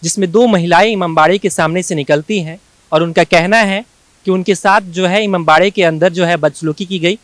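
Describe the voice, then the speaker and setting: A male news reporter who introduces the story and interviews guests in a measured, formal way. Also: high-pitched, a bit bright, dry recording.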